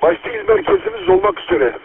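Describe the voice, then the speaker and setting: A man speaking as a police chief over police radio, giving a formal, measured announcement. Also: very high voice. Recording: crackly narrowband police radio, clear noise.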